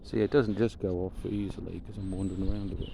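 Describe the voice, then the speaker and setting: Low-voiced man rambling outdoors over background noise. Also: flat delivery, gravelly. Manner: musing, halting, trailing off mid-thought. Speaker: paranormal investigator filming a vlog. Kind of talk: casual rambling vlog chat. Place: outdoors in a cemetery, walking around. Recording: noisy outdoor ambience, traffic rumble.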